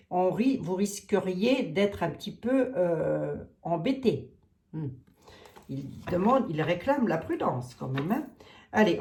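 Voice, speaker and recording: A woman with a Lorraine French accent reading tarot cards aloud, thinking out loud, questioning the cards and hesitating often. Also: fairly low pitch, a little hiss or hum. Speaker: tarot card reader. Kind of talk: casual tarot reading monologue. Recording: roomy echo.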